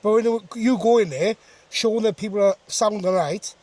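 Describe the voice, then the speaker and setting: A man's voice: sits high, moderate pace, darkish tone. A man with a Welsh Valleys accent, chatting casually and full of slang. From South Wales Valleys. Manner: slangy, ends phrases with "like" and "bro". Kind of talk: casual chat.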